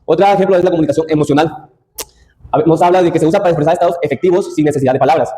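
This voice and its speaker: Fast-talking young man giving a class talk. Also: fairly high pitch, dark tone, rough recording. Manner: reads from slides with restarts and asides. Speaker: student presenter. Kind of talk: class presentation.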